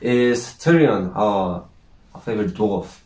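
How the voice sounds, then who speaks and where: A man's voice: fairly low pitch, expressive, slow pace, a little mellow, reverberant, rough recording. A young man chatting casually with his sister, hesitant and restarting his sentences. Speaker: guest, host's brother. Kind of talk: casual chat.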